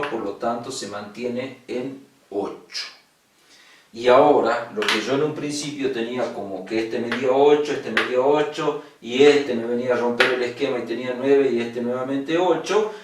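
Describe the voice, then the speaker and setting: Teaching poetic meter online, a male secondary school teacher works patiently, repeating key terms and making sure his students follow along. His voice is mid-range and comes from far off the mic in a room with echo.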